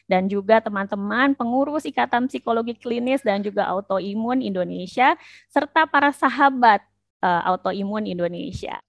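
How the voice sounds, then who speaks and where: A woman doctor moderating an online webinar, polite and upbeat, filling pauses with "eh" and "nah", heard over a video call. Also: medium pitch, gravelly, no room sound. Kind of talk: formal welcoming moderation. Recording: muffled dry video-call audio.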